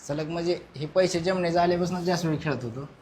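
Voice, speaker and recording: Subdued farmer, halting answers. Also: male voice, on the high side, darkish tone, a little hiss or hum. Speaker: interviewee, farmer.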